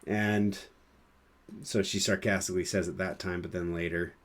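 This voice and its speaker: A man's voice: sits low, level tone, normal speed. A man co-hosting a podcast, chatting casually and restarting his sentences with frequent fillers. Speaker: podcast co-host. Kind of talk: casual chat.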